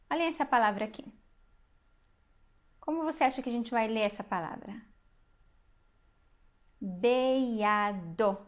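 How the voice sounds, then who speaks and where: High-voiced woman teaching a lesson. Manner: patient, explains step by step, asks questions; sounds out Hebrew words slowly. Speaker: Hebrew teacher. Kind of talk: recorded online lesson.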